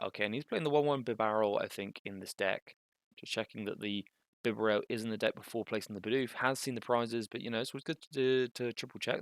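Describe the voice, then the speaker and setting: A young man giving casual, thinking-aloud commentary on a card game match, with bursts of excitement. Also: on the low side, clear, resonant tone, no room sound, studio quality.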